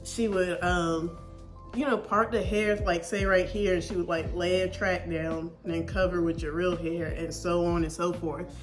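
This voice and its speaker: A woman's voice: fairly low pitch, fairly even intonation, moderate pace, over music. A woman hosting a reaction video, giving casual advice in a friendly tone and calling the viewer baby. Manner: warm, advising tone, calls the viewer baby.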